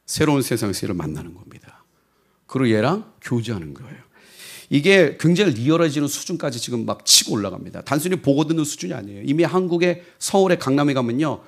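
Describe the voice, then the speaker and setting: A middle-aged man preaching a sermon, animated and rising to fervent, shouted passages. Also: fairly high pitch.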